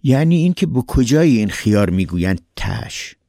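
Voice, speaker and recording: Man reading as an earnest elderly teacher, storybook, soft insistent manner, dry close sound. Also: medium pitch, big pitch swings, no echo, voice pushed up.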